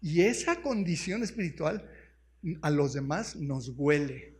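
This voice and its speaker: A man with a Mexican accent preaching a sermon as pastor, often pausing to ask the congregation questions and explaining words one by one. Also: fairly high pitch, lively intonation. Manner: keeps asking the congregation questions.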